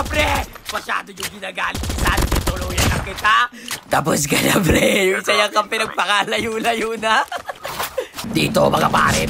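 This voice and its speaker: Male gamer, high and lively voice with some fry, excitable banter and sudden shouts over gunfire and game music. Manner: excitable, shouts often, slangy joking banter. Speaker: gaming streamer. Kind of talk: live gameplay commentary. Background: loud game music and gunfire.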